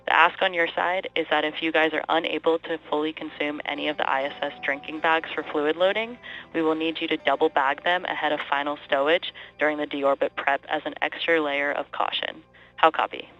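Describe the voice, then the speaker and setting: Low-voiced woman on a radio comm link. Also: fairly bright tone. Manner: crisp, methodical checklist delivery. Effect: space-to-ground radio comm link. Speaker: spacecraft operator at mission control. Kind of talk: procedural radio callouts. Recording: muffled radio link, faint music.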